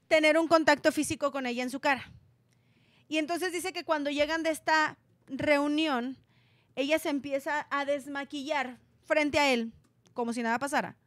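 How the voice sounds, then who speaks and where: A Mexican woman co-hosting a celebrity gossip chat, retelling a story in animated casual talk and acting out the quotes. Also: sits high, dry recording. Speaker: gossip show co-host.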